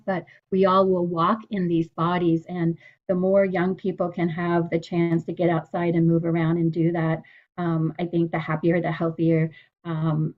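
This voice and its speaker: Woman doing earnest public comment on a muffled online call, flat-ish lowish voice. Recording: dull, lo-fi online meeting audio.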